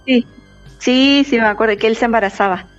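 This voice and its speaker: A woman's voice: fairly high pitch, a little fast, muffled recording, faint music behind. A woman co-hosting a casual podcast, responsive and reminiscing. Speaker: podcast co-host.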